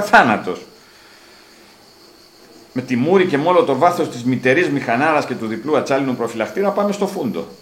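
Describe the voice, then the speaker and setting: A low-pitched man reads his own prose with dramatic, building emphasis. The recording is roomy, with noticeable echo and a faint ambient hum behind him. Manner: dramatic, rising emphasis on repeated phrases. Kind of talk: literary reading.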